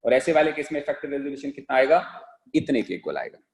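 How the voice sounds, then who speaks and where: A male teacher giving a classroom lecture, asking the class rhetorical questions and repeating phrases slowly so students can write them down on words. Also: medium pitch, lively intonation, gravelly, poor audio. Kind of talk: classroom lecture, dictating notes.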